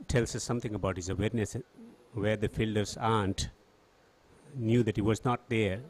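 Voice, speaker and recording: Low-voiced male cricket co-commentator. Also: steady tone, normal speed. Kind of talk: live sports commentary and analysis.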